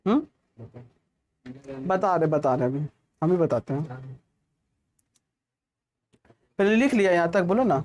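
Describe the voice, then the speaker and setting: A man's voice: on the high side, animated, a little slow, long pauses, a little mellow. A man with a Bihari Hindi accent teaching physics to a small class, casually coaxing students and hurrying them along. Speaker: physics tutor.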